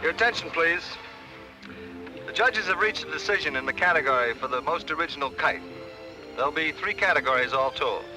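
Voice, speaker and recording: Formal contest announcer on a loudspeaker, far off with music under it, kinda high voice. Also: male voice, brisk. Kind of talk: 1950s TV drama acting. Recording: distant voice over background music.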